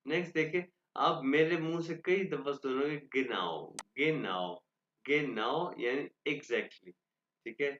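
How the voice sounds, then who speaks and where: A man teaching a German class online, patiently repeating words slowly for pronunciation. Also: on the high side, fairly bright tone. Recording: echoey lo-fi online class audio.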